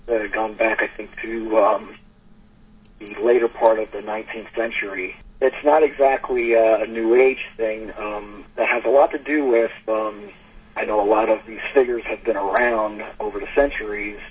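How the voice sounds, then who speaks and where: Husky man, tentative, on a phone line. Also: lowish voice. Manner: tentative, pauses with many ums. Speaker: panel caller. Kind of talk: casual call-in discussion.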